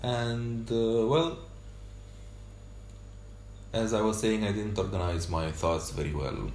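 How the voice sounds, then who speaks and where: Off the cuff on his solo podcast journal, a Romanian-native man speaks slowly in a low, darkish voice. He's hesitant, halting often to search for words and filling gaps with pauses and fillers. His echoey room carries a faint hiss behind him.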